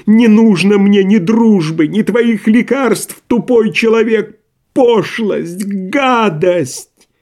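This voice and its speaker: A man voicing an agitated middle-aged male provincial doctor who rants in a strained voice and later sinks into hushed despair. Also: animated, moderate pace, lightly acted. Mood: furious. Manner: shouting in a cracking high voice, then hushed and despairing.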